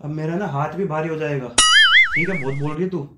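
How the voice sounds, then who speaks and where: A man pranking his wife at home, bickering in a gruff, stubborn way. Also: on the high side, fairly quick, echoey room, very noisy. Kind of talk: staged prank banter. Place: bedroom at home.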